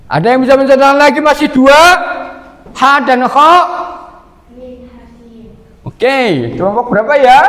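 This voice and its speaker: A man's voice: very high-pitched, gravelly, fairly bright tone. A man teaching a class, patiently quizzing students and chanting verses now and then. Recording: echoey room with long reverb.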